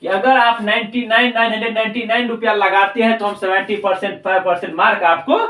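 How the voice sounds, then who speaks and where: A man teaching an English class, spelling out English book titles slowly and repeating each question until the answer sticks. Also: high voice, level tone, fairly bright tone, reverberant, far from the mic, poor audio. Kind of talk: classroom lecture.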